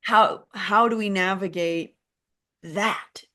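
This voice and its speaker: A woman's voice: mid-range voice, fairly even intonation, slow, sharp tone. Woman, interview host, enthusiastic, affirming, reflective, conversational. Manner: enthusiastic, affirming, thinks aloud.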